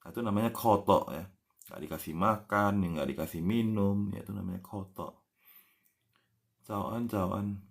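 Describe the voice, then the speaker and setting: A man giving a casual language lesson, patiently explaining words and spelling them out letter by letter, ending many phrases with a soft "ya". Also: on the low side, fairly even intonation, moderate pace, gravelly, long pauses. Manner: frequent tag "ya" after phrases. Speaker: language teacher.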